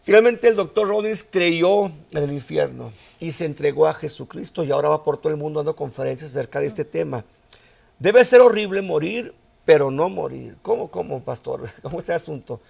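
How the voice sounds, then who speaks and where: A man's voice: fairly high pitch, expressive, brisk, vocal fry, darkish tone. A male pastor preaching a sermon, telling a story and rising to emphatic outbursts.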